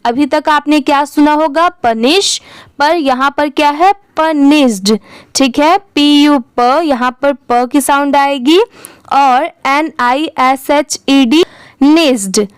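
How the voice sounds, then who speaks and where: A woman teaching English reading, spelling each word letter by letter, then saying it slowly and asking and answering her own questions. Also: sits high, no room sound. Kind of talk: step-by-step spelling and pronunciation lesson.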